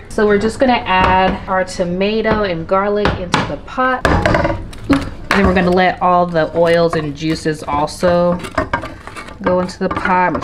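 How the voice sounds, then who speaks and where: A woman's voice: medium pitch, roomy sound, a little hiss or hum. A woman talking casually to viewers in a cooking vlog, chatty and friendly, calling them y'all. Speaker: lifestyle vlogger. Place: home kitchen.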